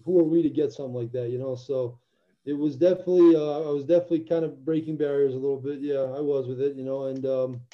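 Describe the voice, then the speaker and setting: This former football player, a young man from Albania, replies to interview questions quickly and steadily in a mid-range voice. He is earnest and thoughtful, frequently starting over, and the recording's highs are cut off.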